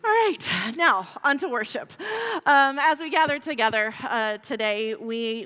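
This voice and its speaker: A middle-aged woman pastor leads a call to worship in an emotional, tender way, her voice catching now and then. Her voice is bright and a little high. It rings out with the long reverb of a large sanctuary. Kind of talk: church announcements and call to worship.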